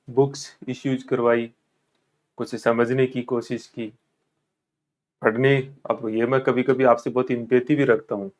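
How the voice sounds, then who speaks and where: A male teacher from India, giving an exam-preparation lecture in a thoughtful, explanatory way with frequent pauses. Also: mid-range voice.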